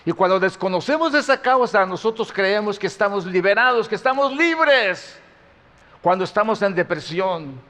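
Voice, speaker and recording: A male pastor preaching a sermon, moving between loud emphasis and quiet intensity. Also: sits high, lively intonation, moderate pace, in a large hall.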